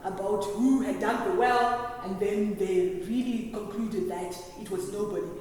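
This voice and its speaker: A woman giving a classroom lecture, explaining step by step and often pausing to check that students understand. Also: mid-range voice, fairly even intonation, darkish tone. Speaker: lecturer teaching trainee early childhood teachers. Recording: very echoey hall, distant mic, faint noise.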